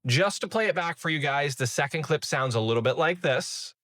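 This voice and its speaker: A man presenting a casual software demo, talking candidly and giving blunt opinions. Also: fairly high pitch, brisk. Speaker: tech video presenter.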